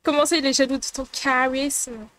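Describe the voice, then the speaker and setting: A woman with a high, bright-pitched voice hosts a casual live stream, chatting with her viewers. She talks playfully and giggles often, teasing her chat. She is recorded on a desk mic at her computer. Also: fairly even intonation, normal speed.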